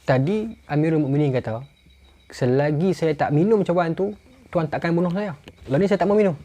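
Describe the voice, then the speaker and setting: A man voicing a cunning captive nobleman, who speaks slowly and deliberately. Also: fairly high pitch, mellow, lightly acted. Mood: sly. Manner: slow, deliberate, wheedling.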